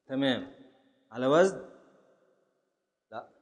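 A man's voice: mid-range voice, expressive, takes it slowly, in a large hall. A man teaching a class in Egyptian Arabic, patiently repeating and scanning words aloud and calling on his students. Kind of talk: classroom lesson on Arabic prosody and grammar.

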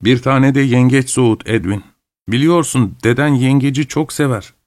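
A man voicing a talkative, grumbling old grandfather with a trembling voice, speaking slowly and plaintively in an audiobook. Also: medium pitch, a little mellow, no echo, studio quality, natural voice. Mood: pleading. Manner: slow, rambling and plaintive.

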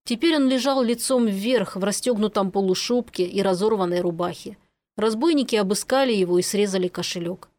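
A woman reading an adventure audiobook aloud with steady, vivid storytelling. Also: mid-range voice, brisk, no echo. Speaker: narrator. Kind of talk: audiobook narration.

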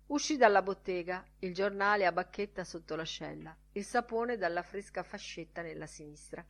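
A woman reading a literary audiobook aloud in a musing, expressive way. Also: lowish voice, moderate pace. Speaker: audiobook reader.

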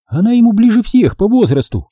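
A man reading the part of a gentle, tender mother of a clan in an audiobook, speaking softly and pleading. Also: sits high, big pitch swings, brisk, no room sound, clean studio sound, pitched above the performer's own voice.

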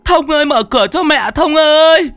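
A man's voice: extremely high pitch, lively intonation, normal speed, a bit bright, no room sound, faint music behind, pitched above the performer's own voice. A man voicing a distraught old peasant woman, wailing and pleading.

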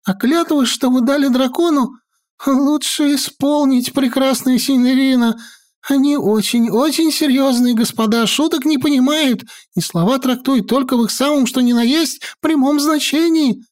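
A woman voicing a jittery, cowardly male sorcerer who pleads and frets in a high, whining patter. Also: normal speed, a little mellow, natural voice. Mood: fearful pleading.

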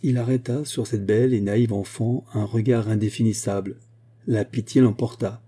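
Dark, husky male narrator. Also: fairly low pitch. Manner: measured, expressive reading with dialogue voiced. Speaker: audiobook reader. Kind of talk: literary narration.

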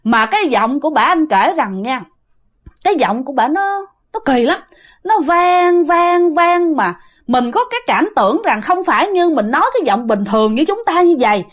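A woman's voice: high-pitched, big pitch swings, moderate pace. A woman narrating a ghost story in a chatty way, speaking straight to her listeners. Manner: chatty, talks to listeners directly.

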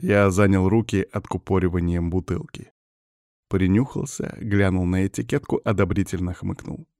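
A man narrating a first-person audiobook in an even, gruff storytelling voice. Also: low voice, normal speed, no echo, clean studio sound.

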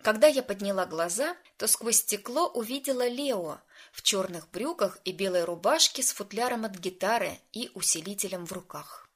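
A woman's voice: medium pitch, normal speed. Woman narrating a first-person story. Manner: even and storytelling.

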